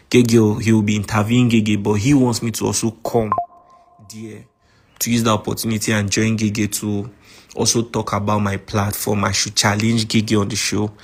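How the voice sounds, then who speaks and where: A man with a Nigerian accent recording a voice message to a friend, calmly recounting a grievance. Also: fairly low pitch. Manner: calm, measured account of a grievance. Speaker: podcast host.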